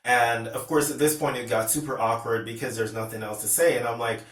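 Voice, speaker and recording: This vlogger from Pennsylvania talks briskly in a medium-pitched, fairly bright voice with fairly even intonation. Addressing the camera, he tells a personal story in a casual, rambling way with restarts and retold dialogue, and he sounds distant in a roomy recording.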